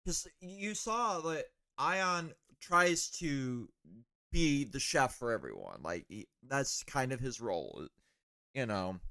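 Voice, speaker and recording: A man's voice: mid-range voice, very animated, takes it slowly, bright, forceful tone, no echo, clean studio sound. A man co-hosting a fan podcast in casual chat, rambling with lots of fillers. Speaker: podcast co-host.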